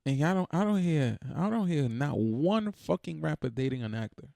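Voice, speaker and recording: A man's voice: fairly high pitch, animated, normal speed, creaky, warm tone, no room sound, clean studio sound. A man hosting a reaction video, talking in a blunt, profane, exasperated casual rant.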